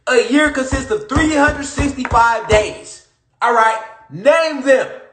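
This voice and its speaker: A man's voice: very high voice, expressive, slow pace, music in the background. A man talking straight to his listeners in a casual monologue, emphatic and profane, repeating his points again and again. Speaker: social media commentator. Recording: echoey room.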